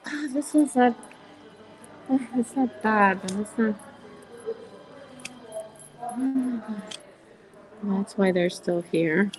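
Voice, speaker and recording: A woman in her fifties walks through a shop while streaming live on her phone. She talks at an easy, unhurried pace, gushing over what she sees, laughing a lot and greeting viewers by name. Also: mid-range voice, rough recording. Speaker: vlogger hosting a live stream. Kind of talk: chatty live shopping stream. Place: indoor retail shop.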